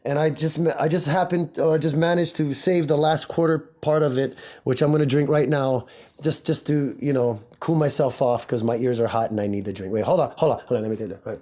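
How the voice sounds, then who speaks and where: A hoarse man in his forties from Hawaii rambles through a solo podcast. His voice is mellow and dark, and worn rough from a cough. He is chatty and pokes fun at himself as he goes. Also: on the high side, fairly even intonation, brisk. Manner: rambling and chatty, self-mocking. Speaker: podcast host. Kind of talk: casual solo podcast chat.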